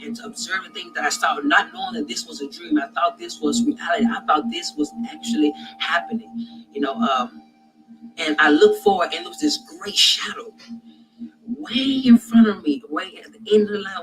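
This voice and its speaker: Man recounting a dream, high voice. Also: rough recording. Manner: halting, many restarts and fillers, grows loud and intense. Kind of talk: personal dream testimony.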